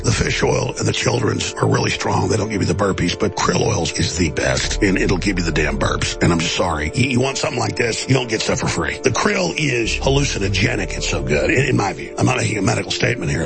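Super gravelly hoarse-sounding radio host guy, ranting sales pitch, pushy and combative, faint music. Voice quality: very gravelly, raspy. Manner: emphatic, boastful, combative.

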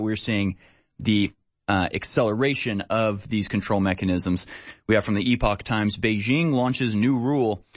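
A man gives news commentary as a radio host in a medium-pitched voice. His phrasing is measured and a little hesitant, recorded close and dry. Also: dry recording.

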